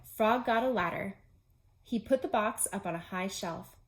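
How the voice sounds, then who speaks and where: A pre-K teacher reads a children's storybook aloud, keeping her phrasing simple for young listeners. Her voice sits at medium pitch and moves at a normal speed, with faint music in the background.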